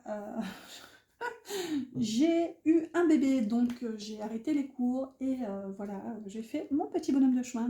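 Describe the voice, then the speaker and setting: Warm in tone and a little high, this woman's voice carries through an echoey, roomy space. As host of an online tarot guidance, she gives viewers a casual, off-the-cuff reading, chatty and frequently groping for words.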